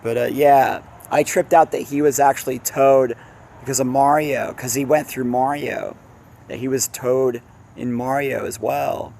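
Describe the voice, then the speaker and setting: Slow, gravelly-voiced man for a casual book reading with rambling tangents. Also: medium pitch, fairly even intonation, a little mellow, slight background noise. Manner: breaks off with laughs and personal tangents; stumbles and self-corrects while reading. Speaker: reader of a fantasy novel. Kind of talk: casual read-aloud with rambling asides.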